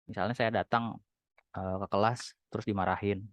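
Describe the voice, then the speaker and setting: A young man with an Indonesian accent giving a recorded university lecture on English grammar, explaining patiently and slowing down to model example sentences. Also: fairly low pitch, steady tone, dry recording, muffled recording.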